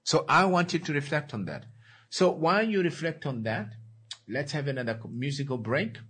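A man leading a reflective talk, asking the listener slow, repeated questions about their beliefs. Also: fairly high pitch, expressive, a bit bright, slightly rough. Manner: repeats questions, slows for emphasis. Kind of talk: reflective talk with musical breaks.

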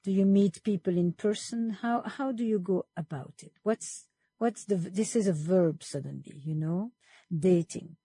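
A woman's voice: lowish voice, a little slow, warm tone, slightly rough, dry recording. A woman hosting a panel conversation, reflective and thinking aloud as she moderates. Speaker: host.

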